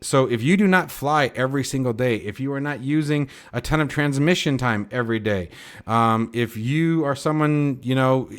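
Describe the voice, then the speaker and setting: A man's voice: medium pitch, normal speed. A man hosting a flight sim video, explaining things in a casual, emphatic way and often checking in with "okay?". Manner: emphatic, peppers lines with "okay?".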